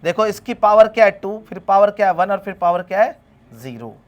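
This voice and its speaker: A man's voice: high-pitched, lively intonation, fairly quick. A man teaching a math class, asking his students questions and then answering them himself. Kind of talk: classroom lecture.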